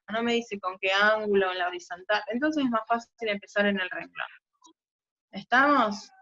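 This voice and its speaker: On a muffled, faintly noisy video call, a woman whose voice is on the high side and a bit bright teaches a physics class. She breaks explanations down step by step and often checks in with the students.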